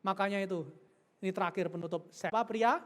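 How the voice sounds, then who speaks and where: A woman's voice: medium pitch, a little fast, big-room sound. A woman pastor preaching in a church, chatting and joking with the congregation and asking them questions. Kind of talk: sermon.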